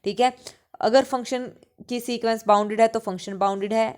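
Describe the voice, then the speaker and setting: This woman's voice sits a little high, clear and resonant with a touch of mellowness, moving a little fast with fairly even intonation. Teaching maths for exam prep, she blends English terms into Hindi, answers her own questions, and goes over key points again.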